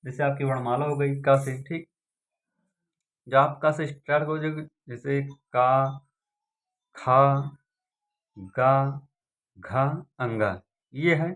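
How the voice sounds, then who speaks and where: A man's voice: medium pitch, fairly even intonation, takes it slowly, long pauses, a bit bright. A man teaching an exam-prep lesson, repeating points and asking and answering his own questions. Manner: repetitive, drilling, asks and answers own questions.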